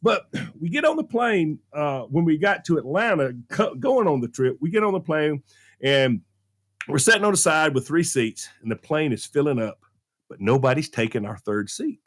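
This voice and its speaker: A middle-aged Southern man with a fairly high voice tells a funny story on a talk show at a moderate pace. A regular on a radio show and a movie critic, he's an animated storyteller who acts out the quotes in different voices and laughs often.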